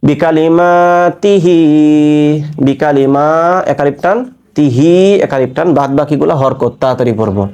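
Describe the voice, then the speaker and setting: A man's voice: medium pitch, quick pace, creaky, mellow. A man teaching Quran reading, spelling out syllables patiently and quizzing his listeners with rhetorical questions. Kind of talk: spelled-out recitation lesson.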